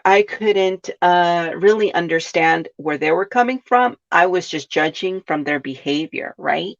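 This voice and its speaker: This podcast host, a woman from California, speaks at a fairly low pitch with noticeable vocal fry. Her reflective self-help show has her often questioning listeners and adding "right?", all captured in dull lo-fi audio.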